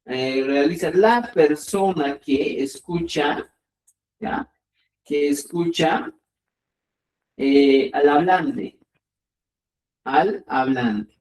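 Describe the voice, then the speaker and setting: Distant, roomy teacher checking "¿ya?". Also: male voice, on the high side, a little mellow. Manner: repeats checks like "¿ya?" and "ojo"; slows to stress key words. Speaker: Quechua teacher. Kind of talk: live online language lesson.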